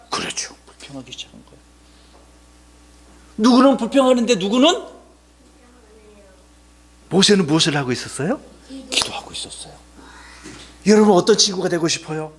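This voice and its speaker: A male pastor giving a children's Sunday school sermon, animated, asking the children questions and calling on them by name. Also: high voice, fairly quick, pauses often, breathy edge.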